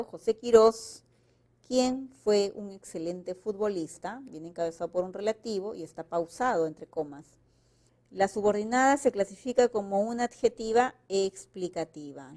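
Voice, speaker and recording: A Peruvian woman teacher with a warm, medium-pitched voice explains exam answers, going through the questions and reading example sentences aloud with marked intonation.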